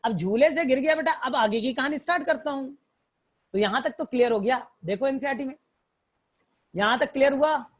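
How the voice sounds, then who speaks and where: Speaking briskly in an extremely high voice, a male biology teacher uses a mnemonic story to fix plant examples in his students' minds. He affectionately addresses each as "child," goes over points repeatedly, and keeps confirming they're following.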